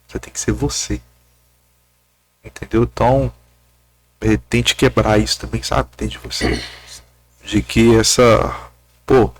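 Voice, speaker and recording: A man's voice: medium pitch, slightly rough. A man interviewing a guest and then giving earnest, direct counsel, addressing him informally.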